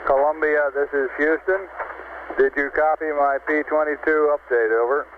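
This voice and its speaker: A man working as a mission control communicator, giving measured, clipped procedural messages over a two-way radio. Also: a little high, fairly even intonation. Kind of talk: procedural radio readout of figures. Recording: tinny noisy 1960s radio link.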